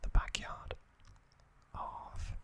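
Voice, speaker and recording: In an ASMR video, the male host narrates a recap in an unvoiced, breathy whisper, speaking gently in brief phrases with pauses between them.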